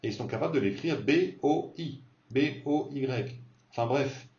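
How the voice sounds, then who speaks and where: A man teaching a beginner Spanish lesson, repeating words slowly to model pronunciation. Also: medium pitch, animated, darkish tone, roomy sound, recorded from a distance, highs cut off.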